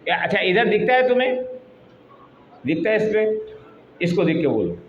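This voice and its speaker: A man teaching a class, coaxing and scolding students and leading them through slow recitation. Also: high-pitched, very animated. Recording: dull echoey hall, students audible.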